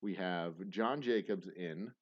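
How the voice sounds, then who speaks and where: A man with a low voice hosts a livestreamed trivia game night, reading questions slowly. He rambles in casual banter, cracking self-mocking jokes and restarting often. The audio sounds dull.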